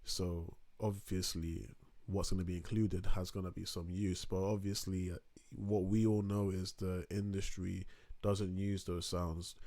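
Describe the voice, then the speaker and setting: A young man talks through a beat-making tutorial in a very deep voice, filling gaps with ums and restarts. The sound is dry and close, with no room around it. He sometimes drifts away from his desk mic. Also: flat delivery, measured pace, hardly any pauses, dark tone, no room sound. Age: young adult. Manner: rambling, filler-heavy, self-interrupting. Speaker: music production tutor. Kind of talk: casual screen-recorded tutorial. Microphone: desk microphone, sometimes turned away from.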